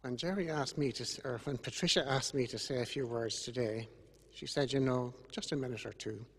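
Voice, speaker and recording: An older man with an Irish accent gives a funeral eulogy in a solemn, measured way, with grieving gratitude. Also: medium pitch, slightly rough. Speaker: eulogist speaking about his late brother. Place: large church, over a microphone to congregation and webcam. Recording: echoey church with long reverb.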